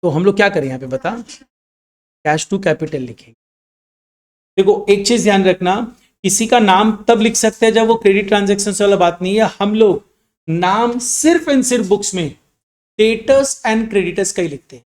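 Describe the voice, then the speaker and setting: A man teaching accounts in a classroom with students, mixing Hindi and English, asking questions and answering them himself, and slowing down to dictate definitions. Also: high-pitched, a little mellow. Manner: slows down to dictate definitions word by word.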